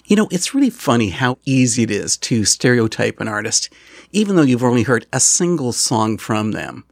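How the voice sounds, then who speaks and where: Gravelly-voiced male show host. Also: medium pitch, very animated, normal speed, dry recording, studio quality. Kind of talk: scripted introduction and interview.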